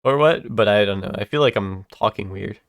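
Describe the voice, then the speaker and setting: Gravelly and fairly low-pitched, a young man talks at a fairly quick clip while streaming a game. He's congested from a cold and chats casually, rambling along with many fillers, restarts and casual swearing.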